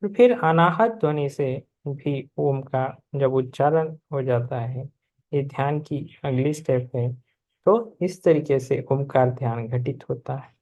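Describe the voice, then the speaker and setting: A man teaching a yoga and meditation lesson, explaining calmly and chanting mantras with softly fading endings. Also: medium pitch, slow, muffled recording.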